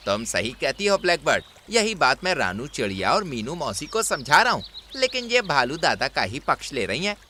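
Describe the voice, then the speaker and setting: A man's voice: fairly high pitch, very animated, moderate pace, pushed and bright, a little hiss or hum. A man voicing a hot-headed young male monkey who complains indignantly. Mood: aggrieved.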